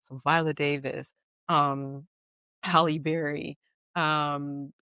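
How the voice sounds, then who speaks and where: A woman co-hosting a podcast in casual chat, an animated storyteller who leans on fillers. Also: sits low, slow, clear, resonant tone, dry recording. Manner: enthusiastic. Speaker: podcast co-host.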